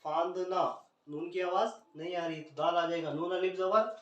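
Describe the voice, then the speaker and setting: A man's voice: sits high, steady tone, moderate pace, recorded from a distance, dull audio. A man teaching an Urdu poetry scansion lesson, spelling out letters one by one in an Indian Urdu accent. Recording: roomy echo, speaker off the mic.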